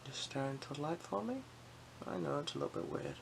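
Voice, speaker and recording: An eye-exam ASMR roleplay: the performer gives soothing, unhurried instructions in breathy whispers mixed with soft speech. Her mid-range voice is animated, with background noise audible.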